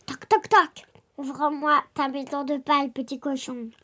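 A woman voicing a menacing hungry male wolf in a read-aloud children's story, dropping into a lower, threatening voice. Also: little pitch movement, a little slow, bright, forceful tone.

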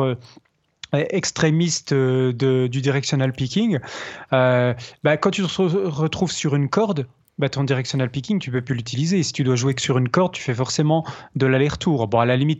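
A man, a guitarist co-host explaining technique in casual chat, pausing to find his words. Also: medium pitch, a little mellow. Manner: explanatory, pauses to search for words. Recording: slightly dull lo-fi sound.

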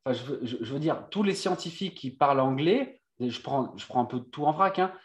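A man from France talking as an interview guest in a casual, halting way, often repeating words and filling pauses with hesitation sounds. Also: mid-range voice, animated. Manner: halting, stacked fillers and restarts. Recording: echoey room.

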